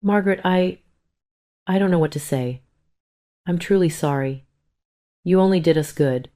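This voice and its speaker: A woman's voice: on the low side, normal speed, dark tone, close to an everyday voice. A woman voicing a scornful young daughter-in-law who turns remorseful, in a plain read-aloud delivery.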